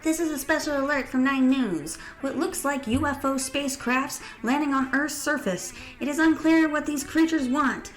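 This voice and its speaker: A woman voicing a loud, urgent male TV news anchor giving a special alert. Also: sits high, normal speed, hardly any pauses, pitched above the performer's own voice, lightly acted, rough recording.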